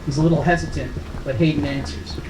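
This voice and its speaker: At a live film festival table read, a man serves as narrator, reading the scripted stage directions. His voice sits fairly high and holds a steady tone while he talks fast. The room is echoey, with faint noise in the recording.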